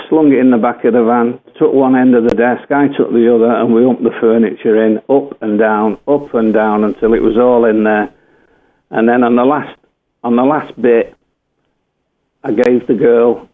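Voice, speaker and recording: An older English man, a former footballer, telling a rambling anecdote full of fillers and self-corrections. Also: mid-range voice. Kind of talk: anecdotal storytelling. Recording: tinny phone-like radio line.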